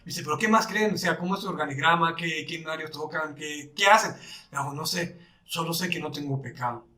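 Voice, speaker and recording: A man's voice: on the high side, brisk, pushed and bright, reverberant, distant mic. A man from Mexico with a Mexican Spanish accent, telling his personal testimony in an earnest storytelling way, acting out what people said to him. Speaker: church member giving testimony.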